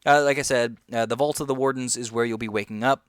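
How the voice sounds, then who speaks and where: Rambling man with smooth dry voice. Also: medium pitch, steady tone, fast, no echo. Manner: rambling, lots of ums and uhs, chewing gum. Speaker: gaming commentator. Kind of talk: casual video game commentary.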